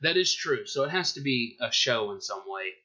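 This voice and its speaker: Young southern dude rambling on a podcast, swears a lot, bright voice, kinda lo-fi sound. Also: male voice, mid-range voice, expressive, moderate pace. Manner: rambling, profane, restarts a lot. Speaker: podcast co-host. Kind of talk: casual chat. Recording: dull lo-fi podcast audio.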